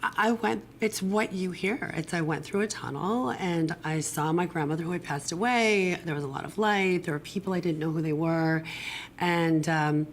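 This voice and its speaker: A middle-aged woman with a raspy smoker's voice from damaged vocal cords, telling her personal story candidly as an interview guest. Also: lowish voice, normal speed, slight background noise. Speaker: guest, acupuncturist and integrative medicine doctor. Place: broadcast studio.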